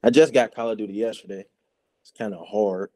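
A man's voice: on the low side, fairly quick, no room sound. A young man from the Chicago area, a college football player, chatting casually and laid-back as a guest. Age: young adult. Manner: relaxed, laid-back, trails off softly. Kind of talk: casual interview chat.

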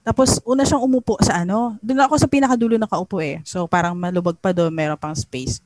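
A woman's voice: fairly low pitch, fast, no room sound. Woman on a podcast, chatty storyteller, dry close mic. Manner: animated storyteller, laughs often. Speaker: podcast co-host. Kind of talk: casual chat.

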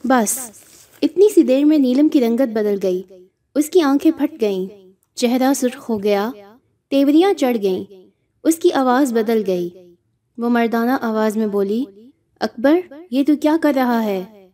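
A woman narrating a horror story aloud in a steady, measured reading voice. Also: on the high side.

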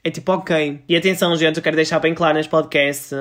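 Portuguese guy in his 20s, european accent, ranting sassy about shop customers, kinda high voice. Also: fast. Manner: sassy, animated storytelling with playful asides. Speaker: podcast host; retail shop worker. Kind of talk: casual solo podcast monologue.

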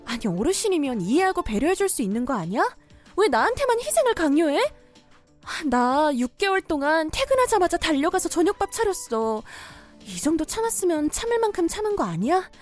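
Woman playing a young wife who wont back down, high lively voice, cartoon drama. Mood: indignant. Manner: polite at first, then pushes back firmly. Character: young married working woman, daughter-in-law. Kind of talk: dubbed cartoon story drama.

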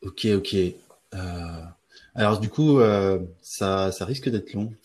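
A man from French Guiana, a guest beatboxer, answering interview questions in a relaxed, rambling way with many hesitant fillers. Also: lowish voice, takes it slowly.

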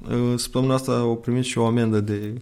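A man's voice: mid-range voice, flat delivery, a little mellow, clear, resonant tone. A young man co-hosting a podcast in casual chat, explaining things in a wry way. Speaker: podcast co-host.

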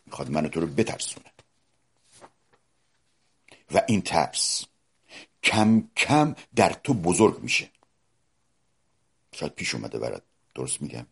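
A man preaching a sermon, asking his listeners questions directly and swinging between loud outbursts and hushed low asides. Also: slightly rough.

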